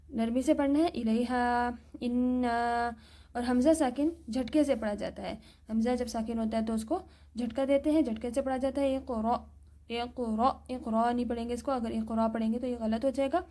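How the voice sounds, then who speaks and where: Woman, Pakistani accent, tajweed teacher, patient repetition, slightly high voice. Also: mellow. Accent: Pakistani Urdu. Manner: patient, repeats points and asks "theek hai?"; sounds out Arabic words slowly as examples. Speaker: Quran reading teacher. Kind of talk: recorded tajweed lesson.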